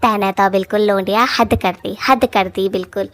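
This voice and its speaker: A woman's voice: medium pitch, steady tone, moderate pace, natural voice. A woman voicing a fussy, gossipy middle-aged mother in a cartoon, nagging in rustic folksy speech.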